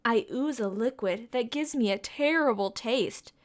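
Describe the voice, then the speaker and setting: At a measured pace and a slightly high pitch, a young storytime reader reads a picture book aloud for children. She puts coaxing, sing-song questions to her young audience.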